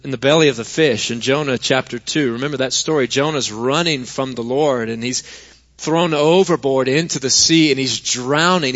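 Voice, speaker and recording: A man's voice: a little high, a bit bright. A man preaching a sermon to a congregation in a conversational way that builds to emphatic stretches. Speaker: pastor. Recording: dull sound with long hall reverb.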